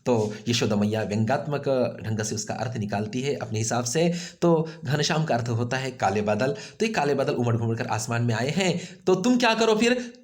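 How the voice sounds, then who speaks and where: Man, teacher, medium pitch, grammar lesson, rhetorical questions, repeats phrases, jumps up in pitch on quotes. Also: a little fast, hardly any pauses, a little mellow. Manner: asks rhetorical questions and answers them himself; repeats key phrases, acting out quotes with sharply raised pitch. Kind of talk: explaining a Hindi grammar lesson.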